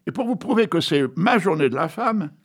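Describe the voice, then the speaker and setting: A man's voice: high-pitched, expressive, a little fast, breathy edge. A man hosting a radio show, reading a poem aloud and breaking off into jokey, digressive asides full of tag questions. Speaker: radio host.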